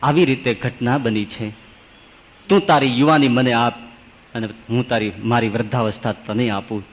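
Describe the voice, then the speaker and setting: A man voicing an aging king who pleads with his son and later grieves, in a low, heavy tone. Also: moderate pace, long reverb tail, lightly acted, poor audio. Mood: pleading. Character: aging king craving lost youth, pleading.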